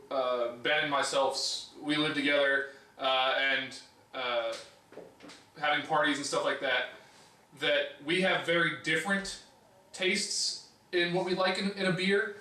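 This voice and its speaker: A man's voice: a little high, unhurried, pushed and bright. A man co-hosting a beer review show in casual chat, talking hesitantly with many filler sounds and restarts. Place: home room. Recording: echoey room, mic at a distance.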